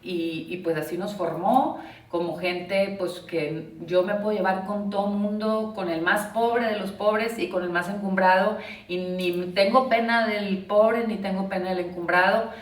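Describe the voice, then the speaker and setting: A woman's voice: medium pitch, steady tone, measured pace. A middle-aged woman from Mexico being interviewed, chatting through family stories with lots of "este" and "pues" fillers. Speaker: interviewee, former party leader. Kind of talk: casual interview storytelling. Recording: roomy echo, speaker far from mic.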